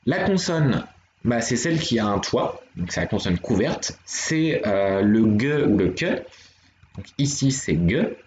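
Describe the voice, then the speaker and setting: On a live stream, a man with a medium-pitched, somewhat dark voice walks viewers through Korean letters one step at a time. He's patient and explanatory, chatting with people in the chat, and the home audio sounds dull and roomy.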